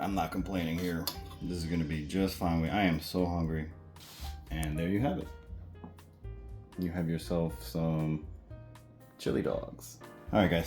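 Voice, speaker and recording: A man's voice: low voice, warm tone. A man casually chatting through a home cooking demo in his kitchen, rambling and correcting himself with lots of fillers.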